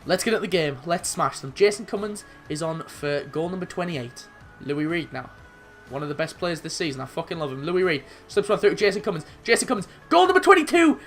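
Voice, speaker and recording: A young man commentating his own football video game match, excitable and swearing, with sudden shouts when goals go in. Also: a little high, fairly quick, soft background music. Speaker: gaming YouTuber.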